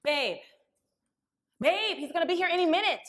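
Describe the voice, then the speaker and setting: A woman's voice: very high voice, animated, normal speed, a bit bright. A woman playing a firm but caring partner in her late twenties in stage play dialogue. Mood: firm, chiding. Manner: insistent, chiding, affectionate.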